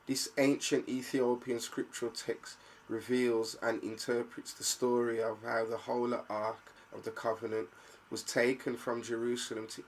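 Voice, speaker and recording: A man narrating a teaching video, reading scripture passages aloud in a measured way. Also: mid-range voice, slight background noise, low-quality recording. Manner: steady, measured reading of quoted texts. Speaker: preacher narrating.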